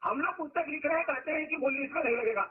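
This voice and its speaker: A man's voice: extremely high pitch, rapid-fire, phone-quality sound. A man giving an informal spiritual discourse as a teacher, talking conversationally and asking rhetorical questions.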